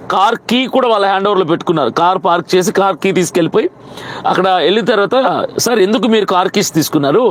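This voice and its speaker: A man's voice: sits high, a little hiss or hum. A man, a pastor, giving an indignant, insistent first-person account with quoted dialogue.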